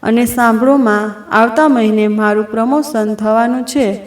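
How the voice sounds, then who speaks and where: A woman's voice: on the high side, fairly even intonation, far from the mic, lightly acted. A woman voicing a cheerful young working husband and son, in a roomy recording. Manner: cheerful, hurried. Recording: roomy echo.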